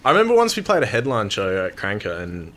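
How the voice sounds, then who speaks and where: A man's voice: lowish voice, fast. A man, a band member guest, talking casually and hesitantly with many fillers. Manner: relaxed, hesitant storytelling with fillers. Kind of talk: casual interview chat.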